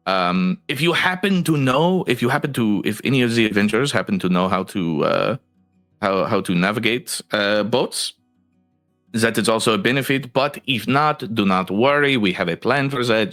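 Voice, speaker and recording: A man voicing a fussy, warm guild leader who rambles with many hesitations and folksy turns of phrase. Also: medium pitch, voice pushed up. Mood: reassuring.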